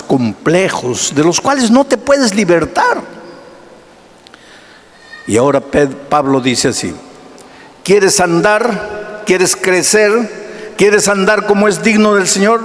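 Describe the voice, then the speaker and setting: A male pastor preaching a sermon, swinging between hushed low passages and raised ones, asking his listeners questions and answering them himself. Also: sing-song, slow, long pauses, big-room sound.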